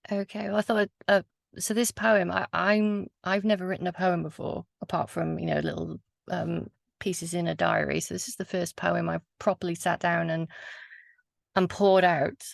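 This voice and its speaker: Low, gravelly woman storyteller. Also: level tone, moderate pace, dry recording, clean studio sound. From Wales. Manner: reflective, earnest, with hesitant fillers. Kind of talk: casual talk and poetry reading.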